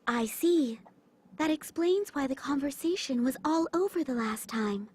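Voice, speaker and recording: A woman's voice: sits high, expressive, a little slow, a little mellow. A woman voicing a polite, formal fairy guide with a heavenly goddess voice in a video game. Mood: polite, calm. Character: small female tome fairy, goddess-like, formal, calm. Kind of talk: scripted game voice acting.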